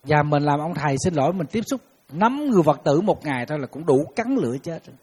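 A man, a Buddhist monk giving a dharma talk, telling lively stories and acting out the people who call him. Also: quick pace, husky, long reverb tail. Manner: lively storytelling, acting out callers with sudden high bursts. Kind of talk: sermon.

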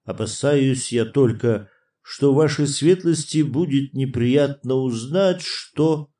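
A man's voice: medium pitch, takes it slowly, dark tone, lightly acted. A man reading an audiobook, voicing a nervous young officer who speaks hesitantly and formally. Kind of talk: audiobook character voice.

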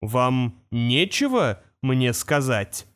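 A man voicing an ancient male creature of stone and fire, speaking slowly and ominously. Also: medium pitch, very animated, a bit bright, clear, resonant tone, heavily acted. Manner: slow, solemn, ominous.

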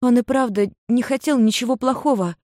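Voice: medium pitch, a little fast, darkish tone, no room sound, studio quality, voice pushed up, close to an everyday voice. A reader voicing an anxious young woman who keeps begging others to stop and listen. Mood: pleading. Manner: urgent, pleading.

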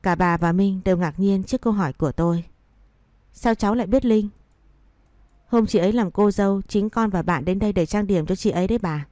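A woman's voice: medium pitch, a little fast, dark tone, no room sound, clean studio sound. A woman narrating a first-person story and reading all the characters' lines herself.

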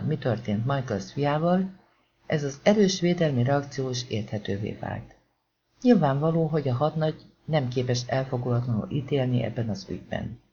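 A man narrating an audiobook in a steady, measured reading. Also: medium pitch. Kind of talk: scripted narration. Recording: slightly dull lo-fi recording with faint hiss.

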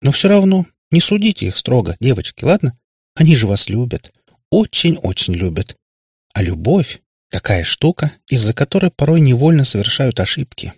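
A man reading an audiobook, voicing a witch mother who calms the girls and then gives brisk orders, in a raised, husky voice. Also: mid-range voice, no echo, clean studio sound, voice pushed up. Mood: soothing. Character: mother of a young witch, a witch herself, firm and soothing.

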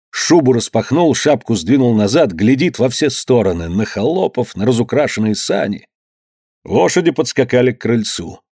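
A man reading a story aloud in a lively, dramatic narration, at a middle pitch, in a dry, close recording. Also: breathy edge, no room sound.

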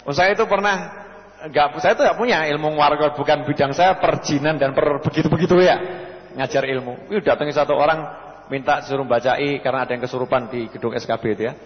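A man's voice: a little high, quick pace. A man with a Javanese accent giving a folksy sermon, telling stories and acting out the dialogue. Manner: folksy, mixes in Javascript-free Javanese words, acts out dialogue. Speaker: Islamic preacher. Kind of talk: sermon with storytelling. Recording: muffled hall recording.

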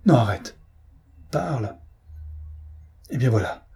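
A man's voice: mid-range voice, big pitch swings, slow, creaky, dark tone, breathy edge, pitched above the performer's own voice, exaggerated voice. A man voicing a cruel middle-aged marquis who commands harshly in an audiobook reading. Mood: frantic demanding. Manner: harsh, commanding, increasingly frantic.

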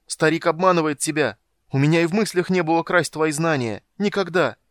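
A man voicing a big wounded young warrior who cries out in desperation, shouting and pleading. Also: fairly high pitch, brisk, no room sound, clean studio sound, voice pushed up, natural voice. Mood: frantic.

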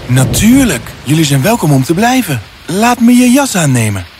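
Acteur als beleefde jonge prins, sprookje, vrij hoge mannenstem, levendig. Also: male voice, fairly high pitch, big pitch swings, moderate pace, a little mellow, a little hiss or hum. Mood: gallant. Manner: courteous, theatrical. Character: polite young prince in a fairy tale. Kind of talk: storybook voice acting.

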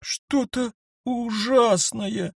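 A man voicing a timid, furry alien creature that stammers and whimpers in a high voice. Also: fairly even intonation, extremely slow, creaky, breathy edge, dry recording, studio quality, heavily acted. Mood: frightened.

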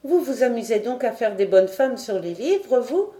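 A woman's voice: mid-range voice, animated, normal speed, warm tone, lightly acted. A woman reading a storybook, voicing a proud, mocking ten-year-old noble girl in a slightly raised voice. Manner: mocking, haughty, curt. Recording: roomy echo.

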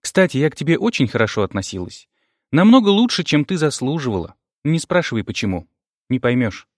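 A man reading an audiobook, voicing a calm, firm woman boss. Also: mid-range voice, fairly quick, no echo, studio quality, natural voice. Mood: cool.

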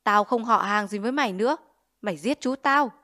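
A woman's voice: mid-range voice, moderate pace, natural voice. A woman voicing a greedy, bullying male village chief who sneers and makes threats in a Vietnamese storybook reading. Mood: menacing. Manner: blustering, sneering, extorting.

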